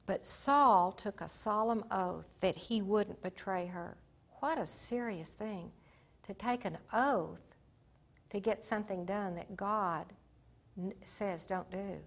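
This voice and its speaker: A woman delivering a sermon-style Bible lesson at a middling pitch. She retells scripture with dramatic emphasis. Her voice swells on key points and drops to near-whispers for effect. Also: slow. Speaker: Bible teacher. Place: Africa.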